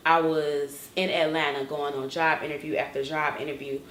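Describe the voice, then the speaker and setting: A woman's voice: low voice, level tone, normal speed, fairly bright tone, reverberant, a little hiss or hum. A young woman vlogging an earnest, emotional faith testimony, often restarting her sentences. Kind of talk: inspirational faith vlog.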